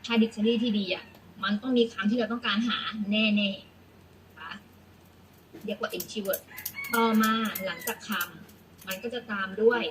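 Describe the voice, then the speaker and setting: Slow, patient woman teaching. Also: mid-range voice, steady tone, fairly bright tone, slight background noise, rough recording. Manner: patient, repeats "นะคะ" often, spells out letters. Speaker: English teacher. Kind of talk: classroom lesson explanation.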